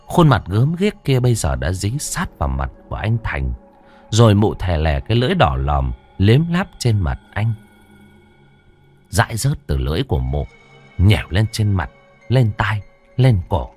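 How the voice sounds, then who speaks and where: A man reading a horror story aloud in a dramatic, expressive way. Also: lowish voice, moderate pace, soft background music. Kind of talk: scripted horror story narration.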